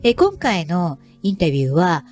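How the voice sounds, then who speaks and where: Her fairly low, darkish voice swoops wildly in pitch as she talks fast over faint background music. Serving as program navigator and environmental education instructor, she politely introduces the radio show from a script, like a presenter.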